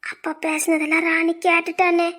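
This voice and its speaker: A woman's voice: extremely high pitch, monotone, normal speed, a bit bright. A young woman, acting a kind younger sister who soothes and consoles. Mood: calming. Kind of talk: web series drama acting.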